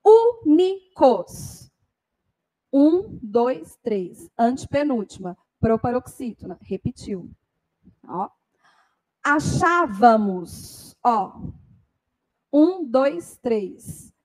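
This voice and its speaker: High-voiced woman teaching grammar. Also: lively intonation, slow pace, warm tone, rough recording. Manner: explanatory, frequent "tá?" tag questions. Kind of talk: exam-prep grammar lesson.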